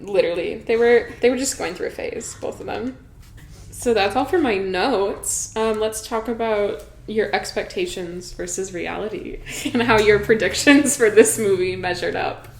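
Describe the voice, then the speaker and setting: A woman's voice: medium pitch, moderate pace. A young woman hosting a podcast, chatting casually and giggling, with lots of filler words. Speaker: podcast host. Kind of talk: casual chat. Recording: echoey room.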